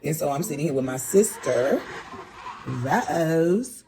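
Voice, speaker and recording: A woman's voice: deep voice, animated, slow, noisy background. A woman vlogger talking casually and directly to her viewers, chatty and candid. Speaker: vlogger host. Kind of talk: casual chat to camera.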